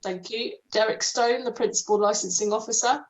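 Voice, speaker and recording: Chairing a formal committee meeting by video call, this woman reads the procedure aloud in a fairly high voice and at a brisk clip. Now and then a hesitant um creeps in. The call audio sounds dull and lo-fi.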